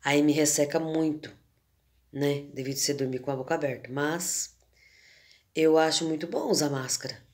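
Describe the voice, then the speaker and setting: Hoarse with a cold, this Brazilian woman in her fifties holds a casual devotional chat with her viewers from a room at home, phone camera at arm's length. She talks slowly and warmly, sprinkling in "né" and "gente," in a low, somewhat dark voice.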